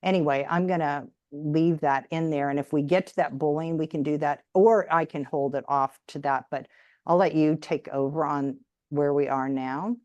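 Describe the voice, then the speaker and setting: A woman's voice: deep voice, steady tone, normal speed, no room sound, highs cut off. A woman from the United States, hosting a podcast and giving rambling, conversational parenting advice. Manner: rambling, warm, frequent "you know". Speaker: podcast host.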